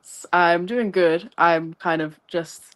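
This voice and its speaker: Female guest, lowish voice, slow casual chat from a bedroom call. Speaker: guest on an online service.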